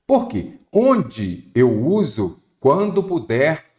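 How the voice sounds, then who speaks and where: A Brazilian man from Minas Gerais with a Brazilian Portuguese accent teaches an online exam-prep lesson. His pitch rises and falls a lot as he quizzes the viewer and answers himself step by step. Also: wildly swooping pitch, extremely slow, a little mellow. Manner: didactic, asks and answers his own questions.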